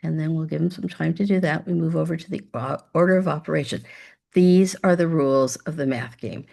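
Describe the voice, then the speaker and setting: A fairly low, gravelly woman's voice leads a demo math lesson over a video call. She keeps it upbeat and chatty, coaxing imagined students to join in. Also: brisk, a little mellow. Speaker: teacher.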